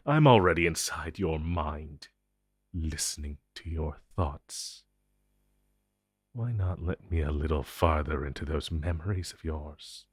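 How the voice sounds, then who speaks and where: In an intense audio drama, a man gives full character voice to an ancient telepathic entity addressing the listener. His deep, husky voice is recorded close and dry with no echo, speaking a little slowly with theatrical deliberation. Possessive and condescending, the entity is a menacing protector of humankind, and the mood is one of menacing intrusion.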